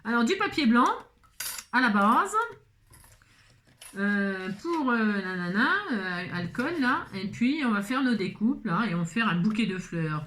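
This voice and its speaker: A woman's voice: medium pitch, animated, a little slow, fairly bright tone, a little hiss or hum. A woman with a French accent hosting a casual card-making video. She talks while she works, thinking aloud with lots of fillers and jokes at her own expense. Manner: chatty, self-mocking, thinks aloud with many fillers. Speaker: craft video host. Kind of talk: casual crafting demonstration.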